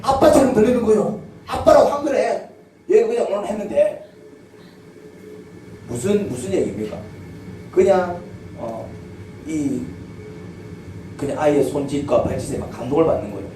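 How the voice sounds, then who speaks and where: Preaching at a normal pace with long pauses, this pastor has a high, mellow, sing-song voice. He puts questions to his congregation and draws call-and-response replies. The recording, made in a church sanctuary, is echoey and distant, with background noise.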